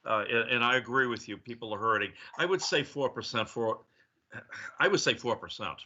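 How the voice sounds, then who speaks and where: A man speaking on a group voice call during a committee meeting, halting and repeating words as he starts his thoughts. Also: medium pitch, sharp tone. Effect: heard over a group voice call. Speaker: committee member. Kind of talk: casual meeting discussion. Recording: lo-fi call audio.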